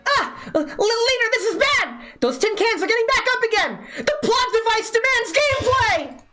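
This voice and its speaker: A panicked young soldier girl, as a woman puts her on squeals her warning in a very high, jumpy voice. She sounds frantic and keyed up, like a game character in full alarm. Her voice soars and dips wildly. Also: very animated, moderate pace, over music. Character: excitable young female soldier doll in panic.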